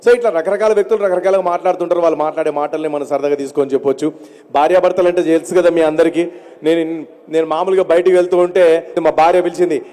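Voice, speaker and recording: A man's voice: a little high, steady tone, fast, mellow. A man doing stand-up comedy with mimicry on stage, telling his stories chattily and landing punchlines. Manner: chatty storyteller, punchline delivery. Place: stage at an award ceremony. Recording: reverberant stage PA sound.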